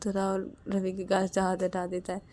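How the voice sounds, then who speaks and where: A woman's voice: medium pitch, completely flat delivery, moderate pace, dark tone. A woman narrating a romance story in a plain, conversational way, with repetitive linking phrases. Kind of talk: casual spoken story narration.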